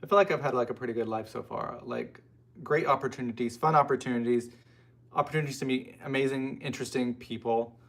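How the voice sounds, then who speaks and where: A fast-talking American streamer runs a relaxed live chat, going through viewer comments and answering them while rambling off into asides. He has a mid-range voice with vocal fry, a steady tone and a fairly bright quality.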